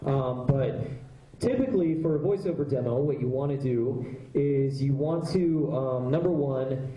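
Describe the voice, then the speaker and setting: Speaking a little slowly at medium pitch, a man who does voice acting casually answers questions from a convention panel audience, rambling with plenty of fillers. The sound is lo-fi, and the room echoes.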